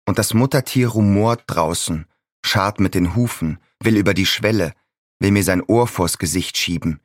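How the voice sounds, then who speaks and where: Bitter, deep-voiced young son. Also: male voice, dry recording, clean studio sound. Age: 20s. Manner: sardonic, bitter, brooding. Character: bitter 26-year-old son stuck in his childhood room. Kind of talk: dramatic inner monologue.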